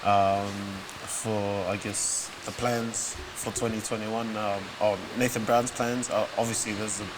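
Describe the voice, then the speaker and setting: A man discussing sport casually as a show panelist, phrasing his points in a halting way. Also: on the low side, level tone. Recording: clearly hissy, noisy stream audio.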